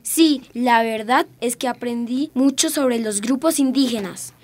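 A woman's voice: a little high, measured pace. Woman playing an eager boy. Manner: eager, inquisitive. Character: curious young boy, eager and cheerful. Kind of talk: educational radio drama.

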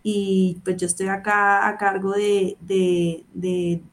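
A woman's voice: mid-range voice, little pitch movement, takes it slowly. A young woman from Colombia's Caribbean coast, with a Caribbean Colombian Spanish accent, answering as a guest in a radio interview. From Barranquilla, Caribbean coast of Colombia. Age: young adult. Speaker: interview guest, NGO director.

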